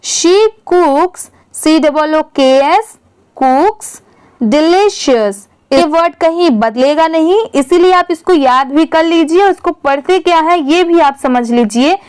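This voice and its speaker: Slow, high-voiced woman teacher. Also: a little mellow. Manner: patient, asks questions and answers them herself; reads English sentences very slowly, word by word. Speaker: English reading teacher. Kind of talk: reading lesson, spelling words letter by letter.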